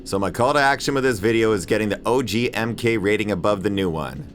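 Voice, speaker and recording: This is a thirty-something man narrating a laid-back video essay for his channel, speaking fast in a voice on the low side. Music plays underneath as he offers opinionated takes full of slang, swearing and irreverence.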